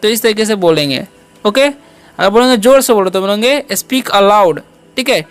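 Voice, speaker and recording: A woman teaching an English lesson, spelling words out slowly and asking and answering her own questions with a frequent "okay". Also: medium pitch, expressive. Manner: asks and answers own questions, repeating "ठीक है"; slow, careful spelling-out of words.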